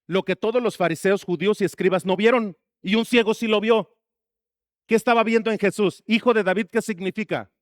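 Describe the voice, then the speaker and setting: A man's voice: high voice, dry recording, studio quality. A man preaching a sermon as pastor, asking the congregation questions and slipping in jokes. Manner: asks the congregation questions and jokes between points.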